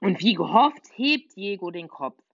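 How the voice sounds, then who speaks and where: Lively woman reading a children's story. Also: medium pitch, unhurried, no echo, muffled recording. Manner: lively, playful, voices characters. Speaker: audiobook narrator. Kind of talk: expressive children's audiobook reading.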